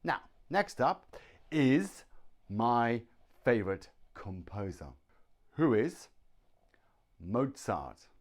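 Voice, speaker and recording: A middle-aged man with a British accent teaching pronunciation, slowly repeating words and sounds. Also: mid-range voice, big pitch swings. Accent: British English. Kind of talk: slow pronunciation lesson.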